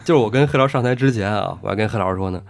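A man's voice: fairly low pitch, rapid-fire, creaky. A man with a Beijing accent telling anecdotes in a chatty, colloquial way.

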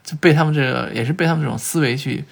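A man talks quickly as a guest on a podcast, his voice a little husky and set somewhat high. He tells his stories in a lively way, stopping often on filler sounds and starting his sentences over. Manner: animated, lively retelling with frequent filler sounds and restarts. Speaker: guest traveler and researcher. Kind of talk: conversational storytelling in a podcast interview.

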